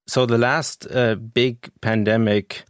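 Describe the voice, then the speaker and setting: A man's voice: mid-range voice, level tone, slow pace, clean tone, no room sound. A man interviewing a guest in a studio, asking questions casually with some fillers. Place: radio studio.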